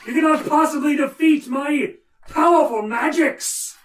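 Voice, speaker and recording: A game master voicing a cackling evil puppet wizard with slow, theatrical, gloating menace in a tabletop game. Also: high voice, voice pushed up. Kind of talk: tabletop game villain role-play. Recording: roomy, distant mic with faint noise.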